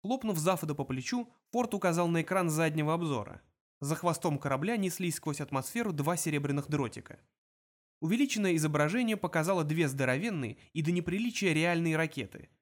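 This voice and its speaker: A male audiobook narrator, his voice sitting a little high. He reads the prose in an expressive, lively manner. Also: brisk. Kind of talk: scripted narration.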